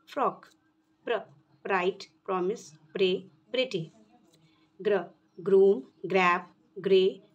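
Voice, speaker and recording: A woman walks parents through a phonics lesson. She reads each practice word slowly and clearly and pauses between them. Her tone stays patient and even, like a teacher's. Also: medium pitch.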